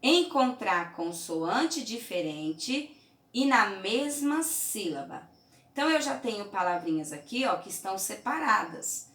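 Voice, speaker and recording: Woman, Brazilian teacher, slow, patient, roomy echo, distant mic. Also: mid-range voice, big pitch swings, fairly bright tone. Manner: patient, slow, repeats "tá?" and "certinho?" often. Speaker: primary school teacher. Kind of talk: remote lesson for young children.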